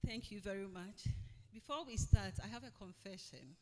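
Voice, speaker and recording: Playful event moderator, mid-pitched voice, long hall reverb. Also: moderate pace. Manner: upbeat, playful, addresses audience directly. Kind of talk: moderating a live fireside chat.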